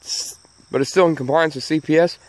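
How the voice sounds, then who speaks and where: A man's voice: fairly high pitch, fairly even intonation, fairly quick. Southern man talking through missing front teeth. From Southern United States. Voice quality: missing front teeth, slightly slurred sibilants. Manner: folksy, emphatic, repeats phrases. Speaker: channel host. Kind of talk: casual opinion rant to camera.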